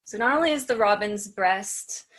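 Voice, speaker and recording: Bright, chatty woman hosting a bird show. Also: medium pitch, normal speed. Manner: chatty, with fillers and light asides. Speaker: show host. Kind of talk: casual educational talk.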